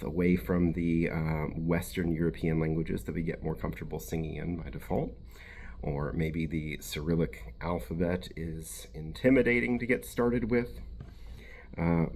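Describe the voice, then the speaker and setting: A man who grew up in Bulgaria, a piano teacher and vocal coach, explaining pronunciation slowly and carefully in a tutorial. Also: deep voice, darkish tone.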